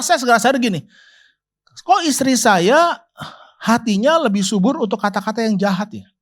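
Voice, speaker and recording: A male pastor preaching a sermon, speaking straight to his congregation, moving from loud exhortation to soft, intimate quotes. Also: very high-pitched. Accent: Indonesian. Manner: addresses congregation directly, asks them questions.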